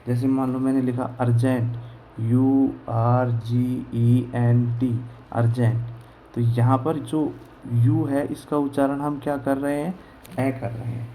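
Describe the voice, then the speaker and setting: Guy teaching english sounds real slow, spells stuff out letter by letter, asks himself questions n answers, warm low-key voice. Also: little pitch movement, slight background noise, poor audio. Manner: spells words letter by letter, repeats answers to his own questions. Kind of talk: slow classroom explanation in Hindi.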